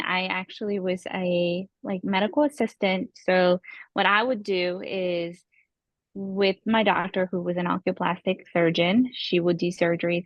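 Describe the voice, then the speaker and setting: A young woman telling stories in a casual podcast interview, excitable and chatty, acting out quoted dialogue. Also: lowish voice, no room sound, dull audio. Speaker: podcast guest, former program participant.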